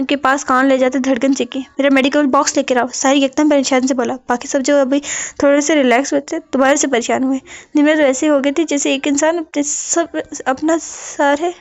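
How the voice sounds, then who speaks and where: Woman reading a novel out loud, pretty high voice, steady, muffled lo-fi sound. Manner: steady storytelling narration. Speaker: novel narrator.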